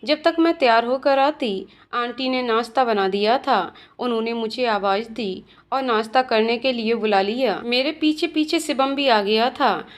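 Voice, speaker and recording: A young woman narrating an emotional first-person story expressively, giving voice to each character herself. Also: fairly high pitch. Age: young adult. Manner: expressive, playing every role herself.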